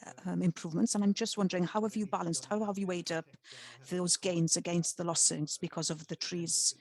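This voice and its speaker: Live interpreter voice, simultaneous translation, gravelly, mid-pitched, short chunks with restarts, video call. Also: little pitch movement, brisk, darkish tone. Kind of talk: live simultaneous interpretation over the original speaker.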